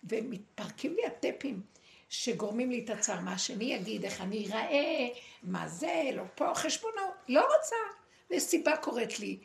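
Woman preaching to a group, high voice that swings all over, bit gravelly. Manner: animated, preachy, dramatic pauses. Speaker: spiritual teacher. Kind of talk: spiritual talk to a group. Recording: echoey room, faint noise.

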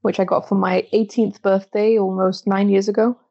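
A woman's voice: medium pitch, little pitch movement, normal speed, gravelly, highs cut off. A woman in her twenties from Belgium, a podcast guest who talks chattily and often breaks off to restart her thoughts. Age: 20s. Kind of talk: interview conversation.

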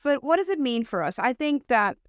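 A woman's voice: high voice, sing-song, a little fast, no echo, clean studio sound. Upbeat woman with an American accent. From Venezuela. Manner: upbeat, thoughtful, frequent "you know" and "right?". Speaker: podcast guest, talent acquisition director. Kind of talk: casual interview chat.

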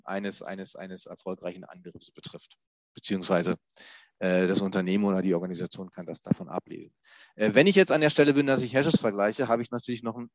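Talking through password security as a guest, a man who is an IT security expert keeps hesitating, restarting, and using fillers. His voice is on the low side, and the recording is dry.

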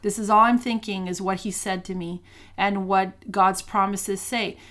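A woman's voice: medium pitch, flat delivery, moderate pace, fairly bright tone. Earnest woman telling a faith story. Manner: earnest, storytelling, many restarts. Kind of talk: casual faith talk with personal story.

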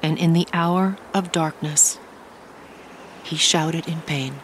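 A woman narrating a radio drama in a solemn, measured way. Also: low-pitched, fairly even intonation, a little hiss or hum. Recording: music underneath.

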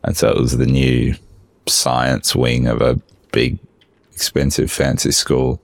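A man with an extremely deep, gravelly voice that sounds a bit sick. He chats in a loose, rambling, laid-back way, recorded close and dry with no room sound. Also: completely flat delivery, a little slow, no echo. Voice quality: gravelly, says he has a sick voice. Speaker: podcast co-host. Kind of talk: casual chat.

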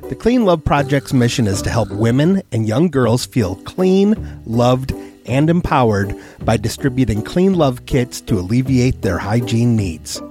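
A man reading a scripted announcement in an earnest, steady way. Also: medium pitch, measured pace, over music.

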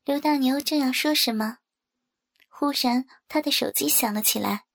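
High, gravelly woman reading a story. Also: normal speed. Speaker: audiobook narrator. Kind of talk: first-person story reading.

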